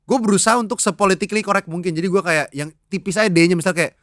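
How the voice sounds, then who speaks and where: A young man, chatting as a podcast guest, an animated storyteller who laughs often and mixes in English phrases. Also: high-pitched, fast talker, no room sound, studio quality. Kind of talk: casual chat.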